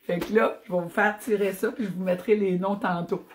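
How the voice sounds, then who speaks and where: A woman's voice: medium pitch, fairly even intonation, brisk, slight background noise. A woman with an Acadian French accent from New Brunswick, chatting enthusiastically on a fitness live stream and slipping in English phrases. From New Brunswick, Canada. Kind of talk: casual live-stream chat.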